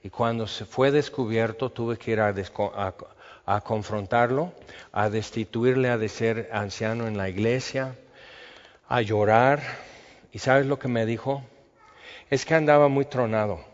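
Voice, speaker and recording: A man's voice: mid-range voice, steady tone, measured pace. A man preaching a sermon, telling stories with animation and acting out the scenes. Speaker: pastor. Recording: dull reverberant hall sound.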